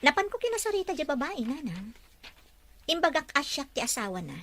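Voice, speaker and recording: Actress as jealous filipino wife, sharp bright voice, swings up and down a lot. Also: female voice, sits high, sing-song, fairly quick, exaggerated voice. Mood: aggrieved. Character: aggrieved, jealous wife and mother of two. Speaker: actress in a family drama. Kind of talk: naturalistic drama dialogue.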